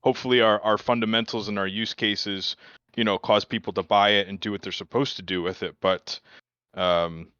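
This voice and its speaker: A man with a low, smooth voice gives measured, considered opinions in a casual online voice chat. His mic sounds dull and dry, with no room around it. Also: fairly even intonation, sharp tone, dry recording. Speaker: team member.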